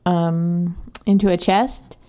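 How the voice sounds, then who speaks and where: A woman's voice: fairly low pitch, fairly even intonation, slow, mellow, smooth. Sarcastic woman recapping a book. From Texas. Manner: profane, sarcastic. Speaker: podcast co-host.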